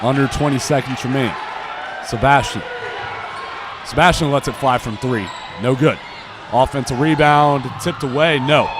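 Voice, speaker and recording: A young American man calls live basketball play-by-play in a gym, his voice medium-pitched at a normal pace. His clipped phrases track the action over loud court noise, bouncing balls and gym clatter.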